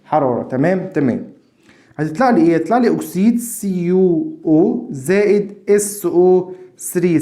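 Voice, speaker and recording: A man's voice: a little high, warm tone. A man with an Egyptian accent teaching a chemistry lesson. He keeps repeating his questions so that students can finish them. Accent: Egyptian Arabic. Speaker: science teacher. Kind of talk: classroom lesson video.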